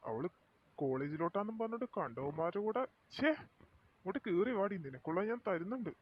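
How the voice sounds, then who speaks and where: A man's voice: sits high, animated, a little fast. A man playing an angry, strict middle-aged father who scolds harshly. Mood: furious. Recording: dry tinny lo-fi sound.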